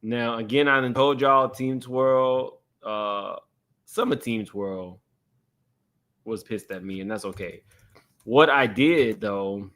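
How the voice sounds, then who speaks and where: A man's voice: medium pitch, fairly bright tone. A man hosting casual reaction commentary in a blunt, unapologetic, conversational way. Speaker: host of a commentary channel.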